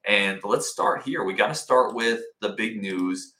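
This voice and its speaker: Bright-voiced man podcasting from a roomy wooden cabin. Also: lowish voice, fairly even intonation, a little slow. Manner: enthusiastic, informal. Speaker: sports podcast host. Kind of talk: casual sports commentary to live viewers. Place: indoors in a cabin. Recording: roomy indoor cabin echo.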